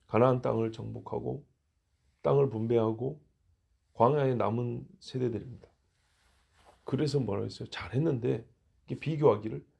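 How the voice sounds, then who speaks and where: Gravelly-voiced male pastor preaching. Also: medium pitch, warm tone. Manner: conversational preaching with rhetorical questions. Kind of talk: sermon. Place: church.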